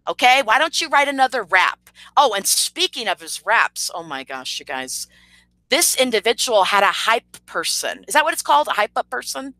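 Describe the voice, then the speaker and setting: A woman's voice: fairly high pitch, bright, forceful tone, no echo, low-quality recording. A woman ranting indignantly on an informal live stream. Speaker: YouTuber.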